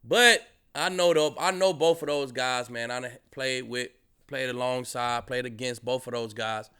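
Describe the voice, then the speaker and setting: A man who played football, hosting a sports podcast in a laid-back style with relaxed slang. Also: mid-range voice, normal speed, smooth. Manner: laid-back, relaxed slang, keeps saying "you know what I'm saying". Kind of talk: casual podcast chat.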